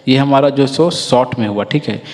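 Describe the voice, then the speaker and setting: A man gives a patient classroom-style phonics lesson. He drills through word lists and often asks listeners to repeat after him. His voice sits at an ordinary pitch, and it rings with a long reverb as if he were recording in a big hall. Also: moderate pace, darkish tone. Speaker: English teacher.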